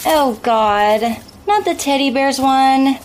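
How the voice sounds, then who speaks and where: A woman's voice: sits high, slow pace, a little hiss or hum. A woman voicing a bratty, squeamish teenage girl in a cartoon, with a valley-girl way of talking. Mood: whiny.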